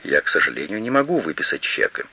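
A man's voice: sits low, very animated, quick pace, pushed and bright, breathy edge, exaggerated voice. Man voicing a stubborn, gloomy young manager. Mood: firm. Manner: terse and unyielding. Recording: slightly lo-fi recording.

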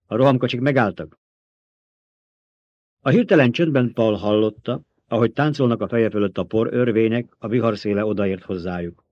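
A man narrating an audiobook in an even, steady reading, in a dull lo-fi recording. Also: lowish voice, no echo. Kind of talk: scripted narration.

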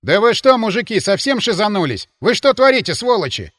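A man doing a loud rough-mouthed guard. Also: high-pitched, big pitch swings, unhurried, big-room sound, voice pushed up, heavily acted. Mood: indignant. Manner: loud, coarse, grumbling. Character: brash scruffy male guard, loud and rough.

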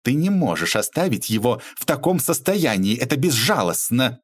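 A man's voice: a little high, expressive, moderate pace, no room sound, voice pushed up. A man voicing an imposing, theatrical middle-aged woman who shrieks and accuses. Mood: pleading.

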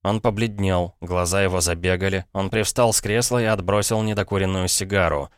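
A man reads a novel aloud in a measured, even manner. His voice sits low and smooth. The close studio recording is dry, with no room sound. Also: dry recording. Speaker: audiobook narrator. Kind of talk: scripted audiobook narration.

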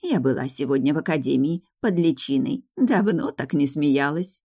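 A woman reading the part of a stern old grandmother who is a powerful high witch, speaking slowly and with command. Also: expressive, warm tone, breathy edge, dry recording, studio quality, heavily acted. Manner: slow, measured, commanding.

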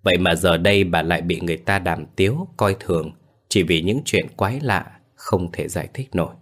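A man narrating a ghost story in a somber, measured way. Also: sits low, fairly bright tone.

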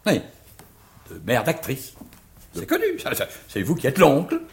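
A husky, flustered provincial teacher. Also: male voice, on the high side, wildly swooping pitch, a little slow, heavily acted. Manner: stammering, fussy, rambling. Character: flustered middle-aged provincial rhetoric teacher. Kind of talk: 1950s stage comedy.

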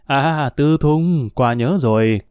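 A bitter older woman, drunk and cursing, drawls her grievances in a slow, coarse grumble, voiced by a male reader. The sound is dry and close, in a storybook reading. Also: mid-range voice, animated, a little mellow, no room sound, natural voice. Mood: boastful.

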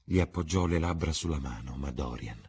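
A man narrating a classic novel as an audiobook in a measured, theatrical way. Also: very deep voice, darkish tone, breathy edge. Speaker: audiobook reader. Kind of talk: scripted literary narration.

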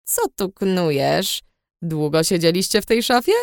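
A woman's voice: fairly low pitch, animated, a little slow, dry recording, studio quality. A woman voicing a cheeky, playful young female alchemist who teases and laughs, in an audiobook reading. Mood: teasing. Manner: teasing, laughing. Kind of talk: audiobook character voice.

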